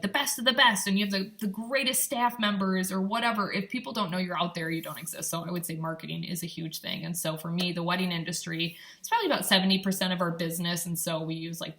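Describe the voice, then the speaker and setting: Her voice fairly low yet bright and forceful, a young Michigan vlogger keeps things upbeat and encouraging. She speaks casually in a light Upper Midwest American accent, leaning heavily on ums and likes.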